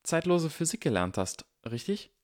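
An anxious, earnest young schoolgirl witch, as a male audiobook reader puts her on, with a voice pushed high and thin. She sounds worried and pleading, and talks faster when upset. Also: very animated. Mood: hesitant. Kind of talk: audiobook character voice.

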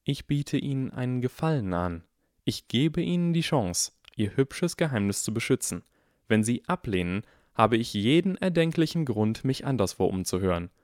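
A man's voice: mid-range voice, animated, normal speed, dry recording, studio quality, pitched above the performer's own voice, close to an everyday voice. A man voicing a clever eleven-year-old boy who talks in a cold, icy and precise way in an audiobook. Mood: cold demanding.

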